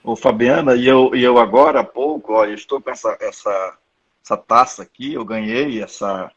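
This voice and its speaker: A man's voice: mid-range voice, moderate pace, slightly rough, muffled recording. A man in his fifties with a Brazilian Portuguese accent, hosting a live online talk and telling personal anecdotes in a conversational way. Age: 50s. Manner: conversational, anecdotal, restarts often. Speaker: live-stream host. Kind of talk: live-stream discussion.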